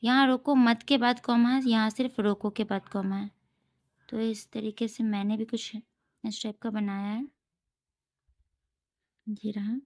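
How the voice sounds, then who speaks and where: A woman tutor with a slightly high voice walks through homework answers at an unhurried pace. She reads each question aloud, then explains the answer step by step, like a patient teacher. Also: steady tone.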